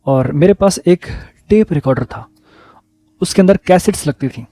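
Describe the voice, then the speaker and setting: A man telling personal stories in a casual vlog, relaxed and repeating words for emphasis. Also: on the high side, dry recording. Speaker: vlogger.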